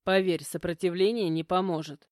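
Woman reading as a calm, weary young mentor. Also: fairly low pitch, moderate pace, no room sound, studio quality, natural voice. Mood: quiet. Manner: calm, soft, tired.

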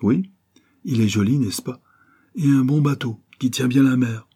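A man voicing an eager, chatty harbor local with a pipe, speaking high and lively over his own husky voice. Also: unhurried. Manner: eager, pitched up.

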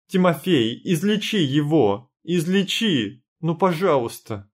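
A man's voice: fairly high pitch, very animated, slow, voice pushed up. A man voicing a panicked young woman, a witch, who pleads shrilly and is close to tears. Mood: pleading.

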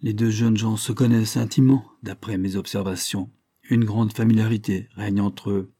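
A man's voice: lowish voice, fairly even intonation, moderate pace, dark tone, slightly rough, no echo, clean studio sound. A man voicing a dogged male police inspector who gives matter-of-fact, precise reports.

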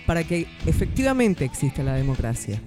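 A man's voice: on the high side, sing-song, brisk, a little mellow, faint music behind. A man co-hosting a casual radio show, easygoing but earnest when making a point, with an Argentine accent. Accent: Argentine Spanish. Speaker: radio co-host.

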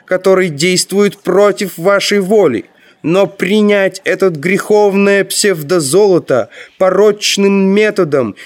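A man's voice: sits high, voice pushed up. A man voicing a zealous, pious male courtier who protests indignantly, read as an audiobook. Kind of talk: audiobook narration.

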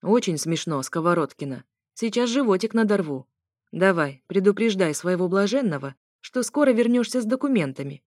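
A woman's voice: mid-range voice, expressive, normal speed, darkish tone, no echo, clean studio sound, natural voice. A woman voicing a smug, sarcastic ex-husband who talks sternly. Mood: mocking. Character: smug, mocking male ex-husband.

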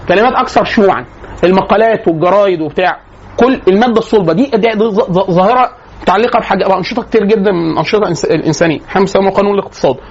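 Egyptian male lecturer, very fast colloquial delivery, mid pitch, dull lo-fi recording. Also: slightly rough. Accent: Egyptian Arabic. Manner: rapid, colloquial, many rhetorical questions and restarts. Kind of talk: informal lecture. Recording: slightly dull lo-fi sound with faint noise.

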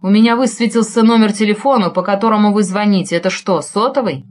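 A woman voicing a calm male investigator who asks crisp, precise questions over the phone. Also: medium pitch, fast, lightly acted.

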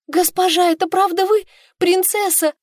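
Lady doing a weepy young servant girl, high and pleading, real devoted. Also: moderate pace, dry recording, clean studio sound, lightly acted. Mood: tearful, pleading. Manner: sobbing, pleading.

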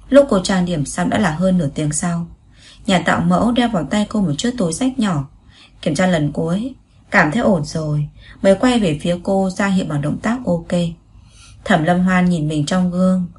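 A woman reading a romance novel aloud as an audiobook narrator, in steady, even storytelling. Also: on the low side.

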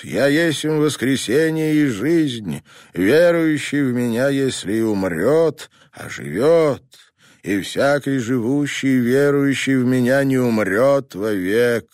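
A man voicing a priest who slowly intones funeral prayers. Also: medium pitch, a little mellow, no room sound, studio quality, pitched above the performer's own voice. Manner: slow, intoning. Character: solemn priest reading a burial prayer.

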